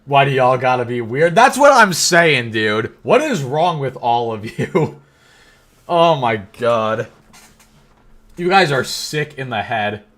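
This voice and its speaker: A bright young male livestream host with a mid-range, sing-song voice reads out chat messages in a casual stream. He jokes and teases constantly, trading quick banter punctuated by frequent laughs.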